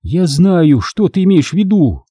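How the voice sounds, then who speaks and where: A man's voice: on the high side, big pitch swings, unhurried, mellow, slightly rough, no room sound, pitched above the performer's own voice, full character voice. A male narrator voicing a determined, wary young woman leader in an audiobook. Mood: earnest. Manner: earnest, pressing.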